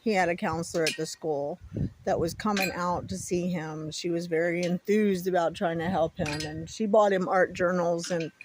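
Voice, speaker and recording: A woman's voice: lowish voice, fairly even intonation, moderate pace. Folksy woman, windy outdoor recording. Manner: folksy, rambling. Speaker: vlogger. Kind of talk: casual outdoor chat to viewers. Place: outdoors at home, with pets around. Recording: wind and noise on the mic.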